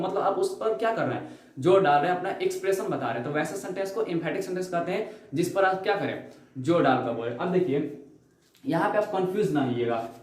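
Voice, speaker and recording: A male teacher giving a grammar lesson, asking rhetorical questions and slowing down to stress each example sentence. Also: a little high, darkish tone. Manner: explains in Hindi, repeats key points with rhetorical questions. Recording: echoey room sound.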